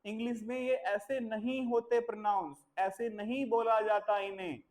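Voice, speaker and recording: A woman's voice: a little high, fairly even intonation, normal speed, darkish tone, rough recording. A woman teaching a classroom of children, patiently repeating words to drill pronunciation and mixing English phrases into her Hindi. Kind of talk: classroom lesson. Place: village school classroom.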